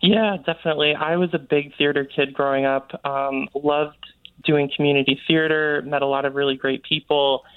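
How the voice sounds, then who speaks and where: An American guest author from Connecticut chats casually in an interview, dropping "like" constantly. His voice is a little high, with a steady tone, clean sound and normal speed, recorded dry over a narrow, tinny, phone-like line.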